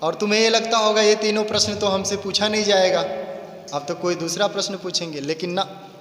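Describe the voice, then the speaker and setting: A sly, boastful king as a male storyteller puts him on taunts his captives in a high, raised voice. Every line rings out with a long hall reverb behind it. The manner is mocking and full of swagger. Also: fairly even intonation, fairly quick, fairly bright tone. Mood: taunting.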